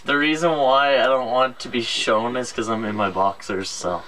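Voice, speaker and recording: A man's voice: medium pitch, steady tone, normal speed, bright, forceful tone, a little hiss or hum, rough recording. A young man chatting casually to the camera in a vlog, rambling and self-deprecating. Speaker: vlogger host.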